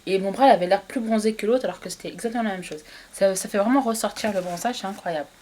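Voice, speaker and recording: A beauty vlogger chats casually to camera about products she bought, a haul review full of fillers, hesitations, and restarts. She talks fast in a mid-range voice with a dark tone.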